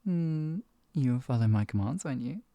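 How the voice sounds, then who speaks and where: Someone playing a very mellow, soft-spoken hypnotist villain in role-play. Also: mid-range voice, animated, moderate pace, creaky, no room sound. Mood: teasing, commanding. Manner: soft coaxing murmur slipping into close speaks softly. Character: teasing, possessive villainous hypnotist soothing a captive pet.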